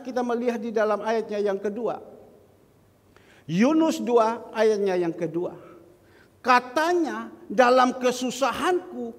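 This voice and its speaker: A male pastor with a very high voice delivers a sermon in a church hall. His voice carries a long reverb from the room around him. He talks straight to the congregation and slows right down whenever he quotes scripture. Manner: addresses the congregation directly, quotes scripture slowly.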